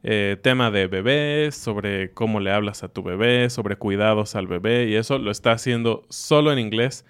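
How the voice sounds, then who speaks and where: Guy cohost, smooth clear voice, laid-back, keeps asking questions. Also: on the low side, moderate pace, hardly any pauses. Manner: relaxed, asks prompting questions. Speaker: podcast co-host. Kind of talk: casual educational podcast chat.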